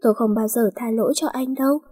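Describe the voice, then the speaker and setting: A woman voicing a furious, heartbroken young woman who answers in sharp, bitter refusals. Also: fairly high pitch, steady tone, fast, slightly rough. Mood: angry.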